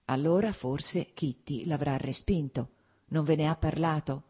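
A sensible young married daughter, quiet and a little ironic, read by a woman narrator. Her voice is husky and low. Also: a little slow. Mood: confiding.

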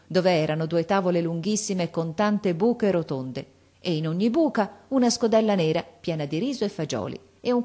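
A woman narrating a classic novel as an audiobook, with measured, expressive storytelling. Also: lowish voice.

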